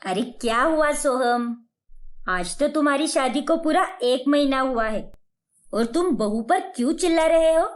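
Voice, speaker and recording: A woman's voice: high voice, animated, unhurried. A woman voicing a stern, traditional mother-in-law in a cartoon story, lecturing her daughter-in-law. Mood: shocked. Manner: preachy, lecturing. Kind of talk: cartoon voice acting.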